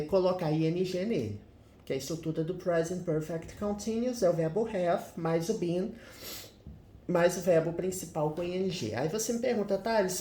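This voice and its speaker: Guy teaching english grammar, real slow and methodical, echoey room. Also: high voice, dark tone. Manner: methodical, with frequent tag questions. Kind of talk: grammar lesson explanation. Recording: roomy echo.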